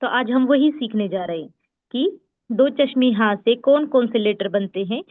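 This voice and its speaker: A woman teaching an online Urdu class, patiently sounding out letters slowly and repeating them. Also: on the high side, no echo. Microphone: online class call. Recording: tinny phone-like call audio.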